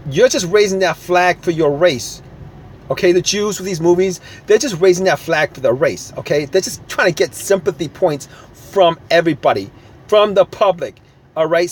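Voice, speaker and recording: A man's voice: high-pitched, a little hiss or hum. A man giving a casual, emphatic opinion rant for his vlog, repeating himself and tagging his points with "all right?" and "okay?". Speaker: vlogger.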